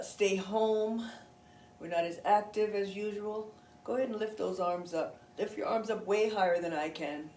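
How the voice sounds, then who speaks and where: A woman yoga instructor guiding a gentle stretch session, chatty and encouraging between breathing cues. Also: medium pitch, reverberant, a little hiss or hum.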